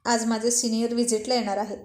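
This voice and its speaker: A woman's voice: fairly high pitch, level tone, fast, darkish tone, reverberant, lightly acted. A woman voicing a young government clerk who pleads and sulks with a friend. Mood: pleading.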